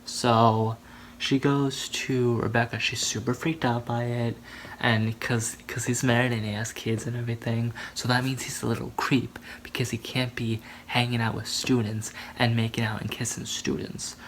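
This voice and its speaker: A man's voice: mid-range voice, flat delivery, moderate pace, slight background noise, poor audio. Rambling man recapping a movie. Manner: rambling, many fillers. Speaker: movie reviewer vlogger.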